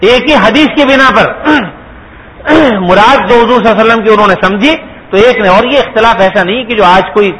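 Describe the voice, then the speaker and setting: A man's voice: sits high, fairly bright tone, slight background noise, rough recording. A man giving a sermon, explaining patiently and asking his listeners rhetorical questions. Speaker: Islamic preacher.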